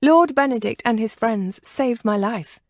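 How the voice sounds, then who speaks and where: A woman's voice: fairly high pitch, a little slow, a little mellow, no room sound, voice pushed up. A shaken but composed young noblewoman from a storybook romance tells of her ordeal in an earnest, raised voice, voiced by a woman reading aloud. The sound is dry and close, with no room around it. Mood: distressed.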